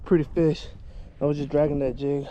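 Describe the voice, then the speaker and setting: Outdoors beside a lake on a windy day, a man vlogs his fishing trip into an action camera, excitedly calling his viewers "you guys." His voice runs on the high side and brisk. The camera's outdoor mic picks up wind noise.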